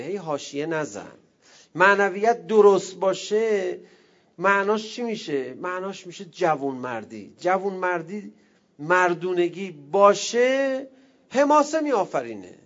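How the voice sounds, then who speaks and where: A man giving a religious talk, telling a story with animated, emphatic delivery that swells to forceful peaks. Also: a little high. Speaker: preacher. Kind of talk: religious lecture. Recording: dull lo-fi sound.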